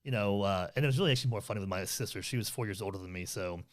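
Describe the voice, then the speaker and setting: A man's voice: lowish voice, rapid-fire. A middle-aged man co-hosting a parenting podcast, talking earnestly and rambling, with many fillers and restarts. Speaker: podcast co-host. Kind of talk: casual conversational podcast chat.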